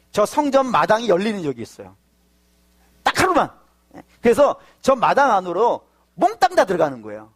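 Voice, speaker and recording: A male pastor giving a sermon, explaining patiently, asking and answering his own questions, with sudden loud emphatic bursts. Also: high voice.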